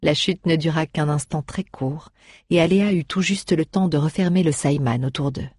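A woman reading a fantasy story aloud in a measured, expressive way. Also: sits low, husky, no room sound, studio quality. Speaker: audiobook narrator. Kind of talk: scripted storybook narration.

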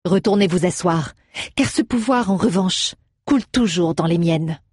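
A poised young heroine, as a woman narrator voices her, calm and commanding with cutting sarcasm. The voice sits low and husky, recorded dry and close. She sounds fully in control in this audiobook scene. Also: normal speed, no room sound. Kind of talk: audiobook character voice.

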